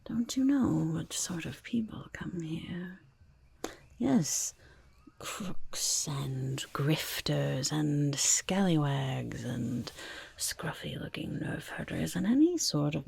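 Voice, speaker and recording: A woman voicing a shifty, boastful goblin merchant in a breathy, raspy whisper for an ASMR roleplay, with stammering sales patter. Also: deep voice, darkish tone, dry recording, full character voice. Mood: sly, confiding. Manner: speaks of self in third person, stammering sales patter. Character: shifty, flustered, boastful goblin market vendor.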